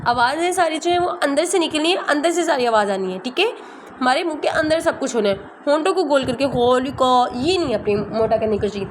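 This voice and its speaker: A woman teaching a tajweed lesson, patiently repeating letter sounds slowly and checking that students follow. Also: sits high, slight background noise. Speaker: Quran recitation teacher.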